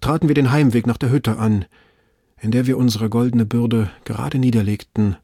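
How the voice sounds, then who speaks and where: A man reading a story aloud in measured, even scripted narration. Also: medium pitch, breathy edge, no echo, studio quality. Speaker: audiobook reader.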